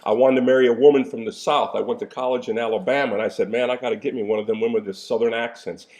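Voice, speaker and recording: Talking very fast with fairly even intonation, a sixty-something coach and pastor delivers a relaxed motivational talk peppered with folksy, preacher-style asides and occasional coughs. His voice is mid-range with a darkish tone.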